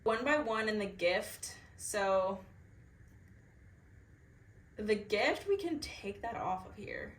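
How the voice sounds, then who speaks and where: A woman's voice: medium pitch, animated, slow pace, long pauses, reverberant. A young woman, chatting bubbly and casually about books in a reaction vlog. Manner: bubbly, chatty, filler-heavy. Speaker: book vlogger.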